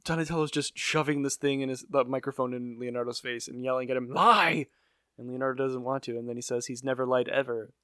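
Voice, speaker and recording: A man's voice: medium pitch, level tone, fast talker, few pauses, clean tone, dry recording. A man co-hosting a podcast, recapping a cartoon episode in a tired, sarcastic, casual way. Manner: dry, weary, sarcastic. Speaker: podcast co-host.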